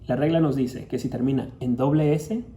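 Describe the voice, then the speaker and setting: A man with a Latin American Spanish accent teaches a recorded grammar lesson, walking through each rule patiently. His voice is very dark and mellow. Faint room hum sits behind him. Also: medium pitch. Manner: patient, explains step by step, reads English examples slowly. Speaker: English teacher.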